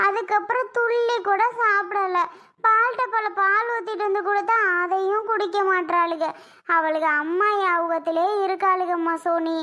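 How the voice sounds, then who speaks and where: A woman voicing a weary older aunt in a cartoon, talking slowly and tiredly about sleepless children. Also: very high-pitched, fairly even intonation, sharp tone. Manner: slow, tired, complaining. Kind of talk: cartoon voice acting.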